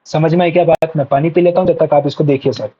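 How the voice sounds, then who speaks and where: A man's voice: a little high, fairly even intonation, quick pace, warm tone, husky, dull audio. A male accounts teacher giving an exam revision lecture. He keeps checking whether the students follow, answers "yes sir" for them and repeats each key point.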